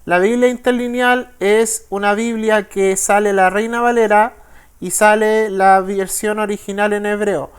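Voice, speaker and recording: A man with a Chilean Spanish accent, a pastor teaching the Bible in a sermon. He reads verses slowly and keeps checking with listeners. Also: high voice, fairly even intonation, smooth. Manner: frequent tag questions, slow deliberate verse reading.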